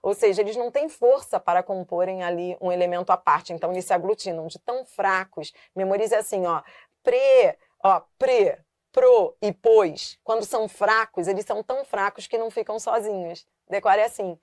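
A woman gives an exam-prep grammar lesson. She explains patiently, goes over each point again and leans hard on stressed syllables. Her voice sits at a middle pitch, and the recording is close and dry. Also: a little fast, few pauses, no room sound. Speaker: grammar teacher.

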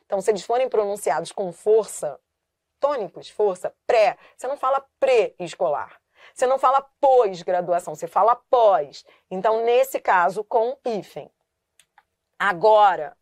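A woman gives an exam-prep grammar lesson. She explains patiently, goes over each point again and leans hard on stressed syllables. Her voice sits at a middle pitch, and the recording is close and dry. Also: normal speed, dry recording. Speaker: grammar teacher.

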